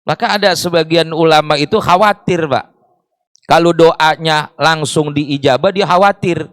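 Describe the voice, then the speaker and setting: A man's voice: a little high, moderate pace, a bit bright, dry recording. Man preaching in a dry close sound. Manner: explains with rhetorical questions and Arabic phrases. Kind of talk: sermon. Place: mosque.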